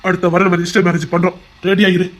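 A man's voice: high-pitched, little pitch movement, very fast, natural voice. A man with a Tirunelveli Tamil accent playing a young male heart doctor, a possessive lover who pleads and turns to threats. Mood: anguished. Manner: pleading, insistent, turning threatening. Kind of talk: audio drama acting.

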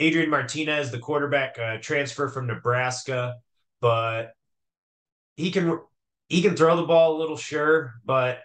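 A man co-hosting a sports podcast, chatting about football in a loose, conversational way. His voice is bright and forward, and he stops and restarts often as he thinks out loud with fillers. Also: medium pitch. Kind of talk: casual sports talk.

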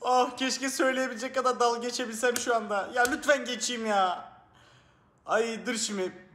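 A man chatting live with viewers in a playful, teasing way, acting as a mock teacher. He jumps between loud outbursts and low mumbling. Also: fairly even intonation, moderate pace, a little hiss or hum. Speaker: live streamer. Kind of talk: casual live-stream chat with viewers.

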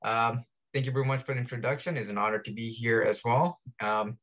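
A man's voice: mid-range voice, fairly even intonation, fairly quick, fairly bright tone. A man from Hong Kong giving a polite, slightly hesitant greeting to a video call. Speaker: staff member. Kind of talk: brief greeting. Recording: dull lo-fi video call audio.

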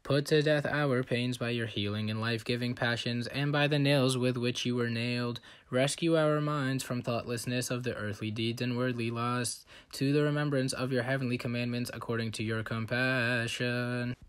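Man reciting prayers in a flat, smooth voice. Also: medium pitch, moderate pace, hardly any pauses. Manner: steady, even recitation of prayers. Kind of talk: liturgical prayer reading.

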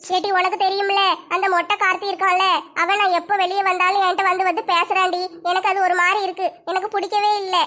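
A woman voicing a fretful young village woman in a comic skit, with a squeaky, pitched-up voice. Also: flat delivery. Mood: worried. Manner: rapid, bright, squeaky high voice. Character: young village woman, upset, fretting over marriage.

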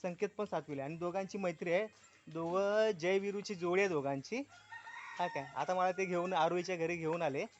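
A man's voice: sits high, brisk, lo-fi sound. Upbeat man vlogging on a rainy village walk. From Konkan, India. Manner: upbeat, keeps praising what he films. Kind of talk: casual walking tour narration. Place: village outdoors in rain.

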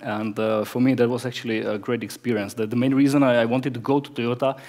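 A man's voice: mid-range voice, level tone, quick pace, darkish tone. A man in his thirties with a Czech accent, giving a conference talk on stage without slides, often repeating words and restarting sentences. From Czech Republic. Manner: hesitant, many word repeats and restarts. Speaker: conference speaker, production director. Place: bright stage of a conference hall. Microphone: headset microphone.

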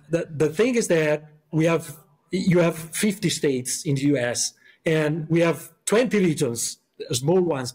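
A man's voice: a little high, a little mellow, slightly rough. A man from Italy with an Italian accent, a podcast guest chatting casually and searching for words with many fillers.

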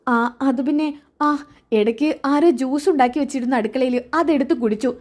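A woman voicing a quick-tempered young woman who whines and snaps at her family. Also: sits high, a little mellow. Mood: whiny. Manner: whiny, snapping.

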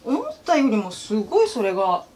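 A woman giving a massage while chatting casually, laughing often and trailing off into soft murmurs. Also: fairly high pitch, very animated, moderate pace, a crowd in the background. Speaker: massage therapist.

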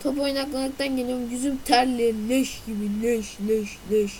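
A woman's voice: a little high, flat delivery, moderate pace, dark tone, slightly rough, rough recording. A woman hosting a let's play video, chatting to her viewers while she plays and bursting into silly noises and outbursts at the game. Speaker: gaming video host. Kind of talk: let's play gameplay commentary.

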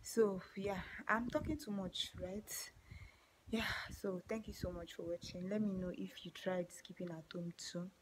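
A woman with a Nigerian accent, out of breath after exercise, chatting playfully to her viewers and often dropping to a breathy half-whisper. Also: mid-range voice, a little slow, a little hiss or hum, low-quality recording. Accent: Nigerian English. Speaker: vlogger. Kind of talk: casual chat to camera.

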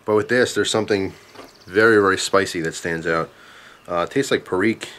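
A man in his thirties giving a casual, chatty product review in a halting, thoughtful way, pausing between short phrases. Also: low-pitched, a bit bright. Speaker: pipe tobacco reviewer.

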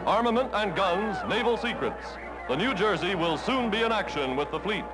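A man narrating a 1940s newsreel in a brisk, emphatic announcing style. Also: high-pitched, lively intonation, rough recording. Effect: old newsreel. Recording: old 1940s newsreel soundtrack with loud music. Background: loud brass music.

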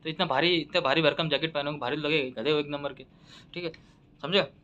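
Sketch comic, man, higher voice, loud scolding doctor, lo-fi recording. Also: fairly even intonation, a little fast. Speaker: comedy sketch creator playing doctor and patients. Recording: dull lo-fi sound.

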